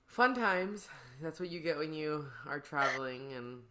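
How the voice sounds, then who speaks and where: A woman's voice: low-pitched, expressive, unhurried, fairly bright tone. Rambling, slangy woman hosting a casual podcast. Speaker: podcast host. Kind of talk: casual chat.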